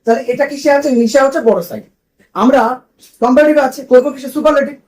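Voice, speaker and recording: A man's voice: extremely high pitch, quick pace, a little mellow, rough recording. A man teaching a grammar lesson to a class in a classroom, asking questions and repeating the students' answers.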